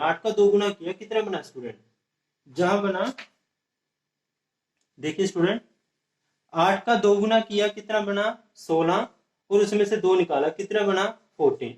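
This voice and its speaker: A man with a high, slightly mellow voice teaches an exam-prep math lesson on age problems at a whiteboard. He repeats each step and keeps asking students whether it's clear, in an echoey room.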